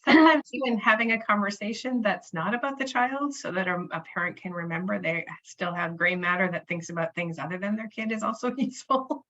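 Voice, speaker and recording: A woman's voice: medium pitch, fairly quick, hardly any pauses, a bit bright, highs cut off. A woman hosting a professional webinar, explaining in a conversational way over a video call. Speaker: webinar host.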